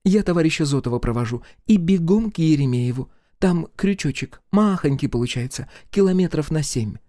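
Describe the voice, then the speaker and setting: Man doing a bold young woman scout, eager, teasing, high bright voice, audiobook, dry mic. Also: animated, fairly quick, dry recording, natural voice. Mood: eager, cheeky.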